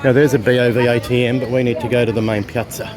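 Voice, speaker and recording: This Australian man speaks quickly in a level, medium-pitched tone as he chats his way through a walking tour of city streets. A travel vlogger by trade, he rambles and uses fillers, and both music and street noise can be heard behind him.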